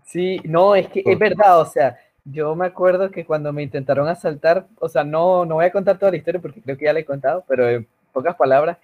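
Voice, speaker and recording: A man's voice: fairly high pitch, brisk, narrow, tinny audio. A man in a casual group chat, telling rambling stories and acting out other people's voices. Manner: rambling, animated storytelling with put-on voices.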